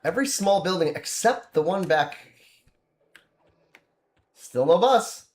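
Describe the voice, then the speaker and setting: A man's voice: high voice, expressive, slow pace, darkish tone, echoey room. A man casually chatting while streaming a game, rambling and laughing often as he plays.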